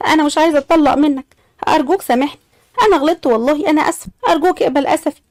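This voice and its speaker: A woman's voice: sits high, very fast, dry recording, clean studio sound, lightly acted. A woman playing a coaxing young Egyptian wife. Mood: pleading. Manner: pleading, coaxing. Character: young wife, pleading then playful.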